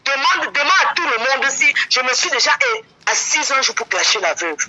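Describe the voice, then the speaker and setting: A woman's voice comes through a phone on speaker held away from the mic, high and swooping widely. She scolds and insists, repeating her points. Her tone is sharp and piercing. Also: big pitch swings, normal speed, poor audio. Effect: voice over a phone on speaker, held away from the mic. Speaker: caller on a live stream. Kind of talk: heated phone call.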